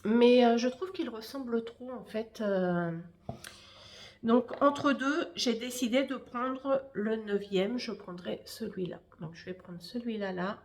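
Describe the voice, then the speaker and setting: A woman's voice: fairly high pitch, takes it slowly. A woman hosting a knitting podcast, chatting casually and hesitantly with many fillers while showing her work. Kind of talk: casual show-and-tell chat.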